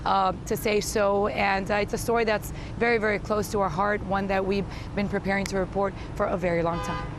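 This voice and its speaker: A woman's voice: medium pitch, level tone, a little fast. A woman from South Florida giving an earnest, emphatic live news report from the street. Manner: earnest, emphatic, some restarts. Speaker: field reporter. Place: outdoors on a city street. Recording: street noise behind.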